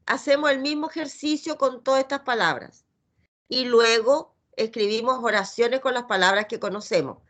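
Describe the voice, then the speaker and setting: A middle-aged Chilean woman teaches reading in a bright, slightly high voice. She takes her time, sounding out each letter and syllable with patient care. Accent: Chilean Spanish.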